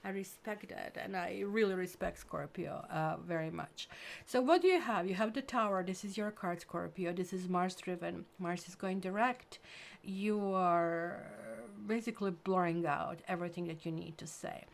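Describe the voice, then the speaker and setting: A woman's voice: on the low side, moderate pace, creaky. A woman, giving a rambling, chatty tarot reading to camera, full of fillers. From Croatia. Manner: chatty, rambling, full of "like" and "kind of", lively bursts. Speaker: tarot reader.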